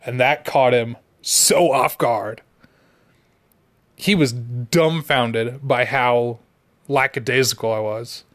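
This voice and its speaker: A young man tells a personal story at an unhurried pace. His delivery is laid-back and rambling, with lots of "like". His voice sits at a middle pitch. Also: fairly even intonation, fairly bright tone.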